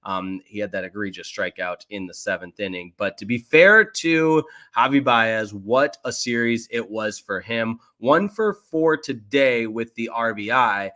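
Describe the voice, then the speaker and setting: A young man hosting a solo sports podcast, recapping the weekend's games in an animated, self-deprecating way with quick asides. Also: mid-range voice.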